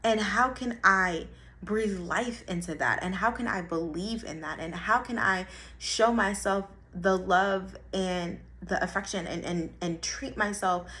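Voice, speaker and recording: A young woman talks straight to the camera in a casual motivational monologue. She is blunt and profane and hammers her points home by repeating them. Her voice swings between quiet asides and loud bursts. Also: medium pitch. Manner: blunt and profane, with emphatic repetition. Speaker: vlogger.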